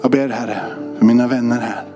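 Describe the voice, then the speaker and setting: A man's voice: mid-range voice, steady tone. A male pastor leading a closing prayer and telling a story in a church service, speaking with a fervent, repetitive cadence. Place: church sanctuary. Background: music playing under the voice.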